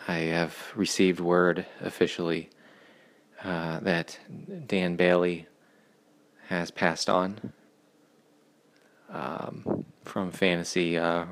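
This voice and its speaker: A male podcast host giving a hesitant, mock-solemn comedic monologue in a deadpan voice. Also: low voice. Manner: hesitant, many fillers and restarts, mock-solemn.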